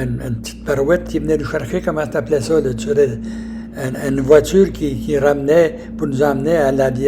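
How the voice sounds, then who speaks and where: A man in his eighties with a Québécois accent, telling stories from his life in a rambling, halting way full of fillers and restarts. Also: fairly high pitch, background noise. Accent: Québécois French. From Quebec. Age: 80s. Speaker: storyteller recounting his life. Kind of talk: casual life storytelling.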